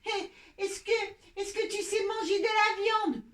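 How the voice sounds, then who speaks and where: A woman's voice: very high-pitched, steady tone, measured pace, fairly bright tone. A woman voicing a teasing, scoffing rabbit with a playful sing-song manner in a children's story. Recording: echoey room, distant from mic.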